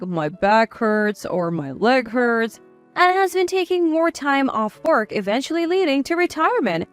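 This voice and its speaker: A woman in her sixties telling a first-person story in a measured, confiding way. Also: high voice. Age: 60s. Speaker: narrator.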